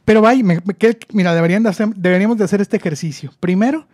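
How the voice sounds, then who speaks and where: A man's voice: high voice, racing, a little mellow, no echo, studio quality. A man co-hosting a casual podcast in a Mexican Spanish accent, joking crudely with his friends. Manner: crude joking, laughs often. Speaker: podcast co-host.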